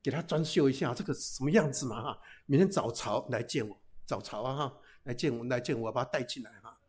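A man's voice: medium pitch, brisk, darkish tone, breathy edge, pitched below the performer's own voice, natural voice. A man voicing an impatient older king in a folk tale he is telling, giving curt orders. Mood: commanding.

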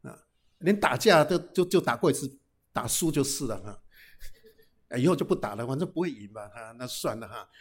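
Husky-voiced man preaching with playful humor. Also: medium pitch, a little fast. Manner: lively storytelling with frequent "哈" tags and English phrases. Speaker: pastor. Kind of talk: humorous sermon.

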